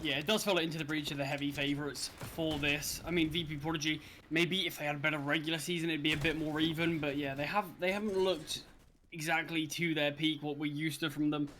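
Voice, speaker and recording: Male co-caster, easygoing analysis, slightly high voice, faint noise behind. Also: quick pace. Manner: relaxed, casual, self-correcting. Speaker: esports co-caster. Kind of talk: color commentary.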